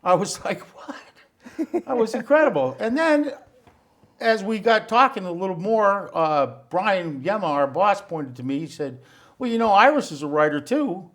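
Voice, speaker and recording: A man hosting a casual interview show. His voice is a touch high for a man. He talks in a loose, chatty way, telling stories and asking friendly questions with fillers. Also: lively intonation, normal speed, fairly bright tone. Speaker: talk show host.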